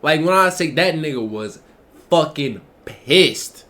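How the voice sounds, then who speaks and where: A man streamer telling a story casually, animated and profane, laughing often and swinging from low mutters to loud outbursts. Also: slow.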